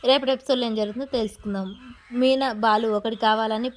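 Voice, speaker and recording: A woman narrating a TV serial episode in a quick, plain storytelling manner. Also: fairly high pitch, fairly even intonation, slight background noise.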